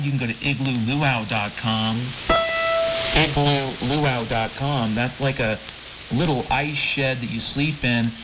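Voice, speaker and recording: Over loud piano-like keyboard music and background noise, a shortwave radio host with an American accent rambles through his late-night show in a mid-range voice. Laid-back and wry, he repeats phrases and poses rhetorical questions, all in dull lo-fi sound.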